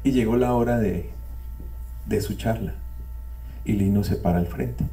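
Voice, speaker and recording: With a lowish, mellow voice and a slightly slow delivery, an older man recorded from afar tells a reflective testimony to a live audience in a meeting room. It's a spiritual community gathering, and his talk repeats itself and drifts into wry digressions.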